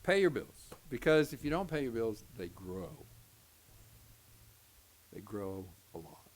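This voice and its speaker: A man's voice: fairly low pitch, very animated, slow pace. An older man with an Oklahoma Southern accent, teaching a folksy Sunday school lesson as a pastor, joking and acting out quoted voices. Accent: Oklahoma Southern American.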